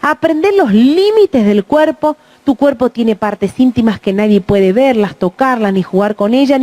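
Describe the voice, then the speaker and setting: A woman's voice: a little high, darkish tone. A middle-aged woman talks to parents about protecting children and keeps checking in with her listeners. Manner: acts out children's and adults' voices in quoted speech; checks in with the audience with "¿mm?". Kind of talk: talk to parents.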